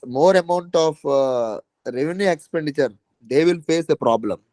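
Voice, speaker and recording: A man's voice: a little high, darkish tone, no room sound, low-quality recording. A man with a South Indian accent teaching an informal online class, often repeating phrases and checking that students follow. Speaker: teacher of a current affairs exam class.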